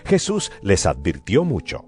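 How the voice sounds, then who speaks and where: A deep-voiced male narrator reading scripture with very lively, swooping intonation. Guitar music plays clearly beneath his storytelling. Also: a little slow. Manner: storytelling, expressive. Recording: music bed behind voice.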